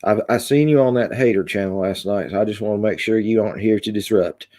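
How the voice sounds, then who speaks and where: A livestream host from Kentucky, USA, speaking with a Kentucky accent, runs a rambling, casual stream and reads out chat comments with plenty of ums. His voice is on the low side, fast and warm.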